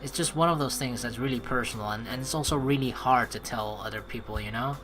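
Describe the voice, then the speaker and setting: Over music, a streamer chats through a let's play at a quick pace, mixing loose commentary with game text read aloud. The medium-pitched voice wanders on, like someone thinking aloud.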